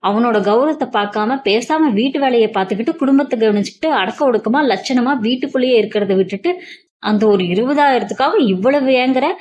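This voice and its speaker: A woman voicing a sharp-tongued older mother-in-law who taunts and scolds in a story reading. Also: a little high, a little fast, lo-fi sound, natural voice. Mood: scornful.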